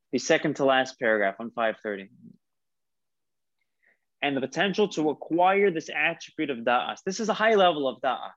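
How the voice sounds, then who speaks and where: A man's voice: medium pitch, dry recording, highs cut off. A man teaching a Torah study lesson, emphatic and repeating key phrases for stress. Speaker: religious teacher.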